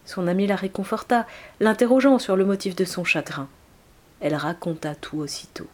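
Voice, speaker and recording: A woman reading an old tale aloud in a soft, measured way, at times near a whisper. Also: medium pitch, expressive. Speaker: narrator.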